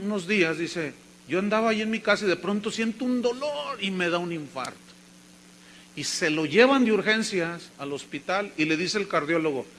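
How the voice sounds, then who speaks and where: A man's voice: sits high, pushed and bright. Male pastor, sermon storyteller, faint hum behind the voice. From Mexico. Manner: storytelling, acting out the people he quotes.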